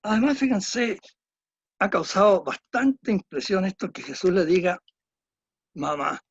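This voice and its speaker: A man's voice: sits high, sing-song, a little slow, breathy edge, dry recording, muffled recording. A man lecturing on a Bible passage, explaining step by step and often checking in with tag questions. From Chile.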